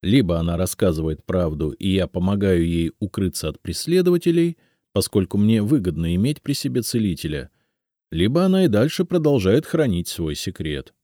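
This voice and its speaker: A man reading a first-person audiobook in a measured storytelling manner. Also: sits low, sing-song, mellow, no room sound, clean studio sound. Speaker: audiobook narrator. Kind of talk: scripted first-person narration.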